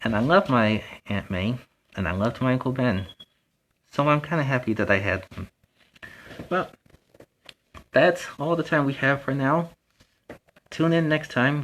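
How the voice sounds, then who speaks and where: A man's voice: medium pitch, a bit bright, slight background noise, rough recording. A man playing a friendly young superhero who reads a children's storybook and chats earnestly with encouraging asides. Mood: upbeat farewell. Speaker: storytime host and reader.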